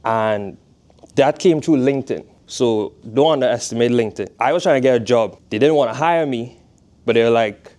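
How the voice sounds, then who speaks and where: A man in his twenties from Trinidad, who designs footwear, addresses a college class as a guest speaker in a laid-back, conversational way, often asking "you know what I mean." He has a Trinidadian accent and a medium-pitched, darkish voice at a moderate pace.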